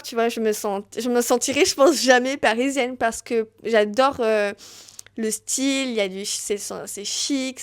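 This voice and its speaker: Woman, podcast host, casual enthusiastic monologue; slightly high, smooth clear tone. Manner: enthusiastic, chatty, quotes her own thoughts.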